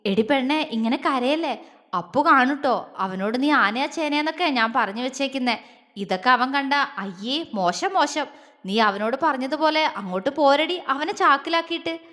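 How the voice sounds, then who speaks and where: A woman's voice: high-pitched, animated, moderate pace, pushed and bright, long reverb tail. Agni, a woman doing a protective young man. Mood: fond, firm. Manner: affectionate scolding.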